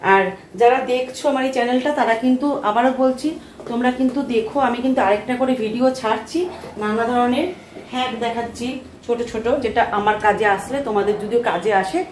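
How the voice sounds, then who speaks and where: A soft-spoken woman in her thirties films a casual home vlog on her phone. She chats and grumbles warmly about the household. The room is echoey, with a faint hum of ambient noise behind her. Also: on the high side, normal speed. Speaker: vlogger. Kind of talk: casual chat to camera. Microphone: phone camera.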